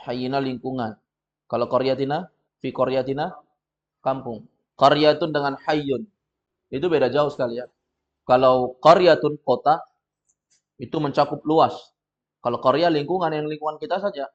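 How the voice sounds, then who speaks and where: A man with an Indonesian accent leads a classroom lesson at an even middle pitch. He guides students patiently, spelling things out step by step and reading sentences slowly and loudly. The recording is muffled and lo-fi. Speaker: Arabic teacher. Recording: dull lo-fi recording.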